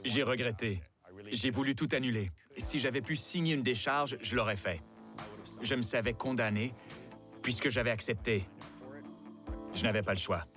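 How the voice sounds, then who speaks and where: Calm rueful man recounting his past. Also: mid-range voice, moderate pace, pauses often, soft background music. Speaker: former reality show star interviewed. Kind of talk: dubbed documentary interview.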